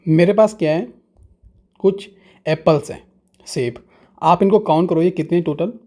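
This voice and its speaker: Guy teaching fractions to kids, slightly high but mellow voice, asks stuff then answers it himself. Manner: slow, patient, asks questions and answers them himself. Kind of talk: explaining fractions to students.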